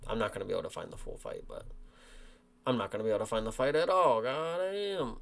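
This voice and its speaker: A young man streaming, reacting to fight results in a frustrated, profane, animated rant with lots of slang. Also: medium pitch, fast, creaky. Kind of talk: casual livestream reaction.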